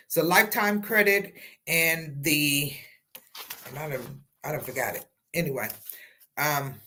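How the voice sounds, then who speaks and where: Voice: mid-range voice, fairly bright tone. A host giving tax tips in an informal live-stream explainer, talking conversationally and checking in with listeners as they go. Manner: conversational, checks understanding with "right?" and "okay?".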